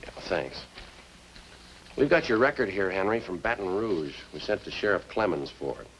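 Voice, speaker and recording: Playing a methodical male police sergeant in a 1950s radio crime drama, this actor has a low, sing-song voice with a fairly bright tone and a moderate pace. He sounds clipped, understated and matter-of-fact, and the old-time radio recording is noisy.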